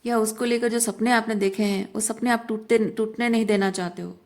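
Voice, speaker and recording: A woman's voice: a little high, steady tone, fairly quick, a little mellow. A woman reading tarot cards for the viewer, earnest and repetitive, mixing English words into her Hindi. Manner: earnest, repeats phrases for emphasis, mixes English words into Hindi. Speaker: tarot reader.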